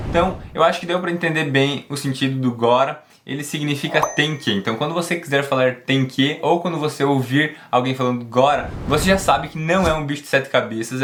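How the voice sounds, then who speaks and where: A man teaching an online English lesson. He explains things patiently, often checks in with "ok?", and slows right down to model English pronunciation. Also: mid-range voice, a bit bright. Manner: switches to slow, drawn-out English for pronunciation demos.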